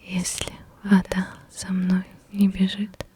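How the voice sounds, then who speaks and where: A woman whispering ASMR affirmations in a soft, breathy, barely audible voice, repeating phrases as they fade away. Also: mid-range voice, monotone. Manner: very slow, repeats phrases in fading echoes. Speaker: ASMR creator.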